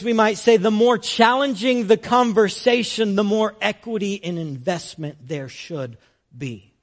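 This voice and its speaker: High-pitched young man, preacher, conversational sermon, storytelling, lots of "like" fillers.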